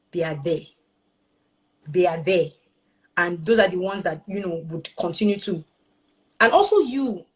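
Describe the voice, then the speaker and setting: A woman's voice: medium pitch, rough recording. A woman, a parent talking earnestly and expressively about her family in a casual, heartfelt conversation. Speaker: parent sharing her experience.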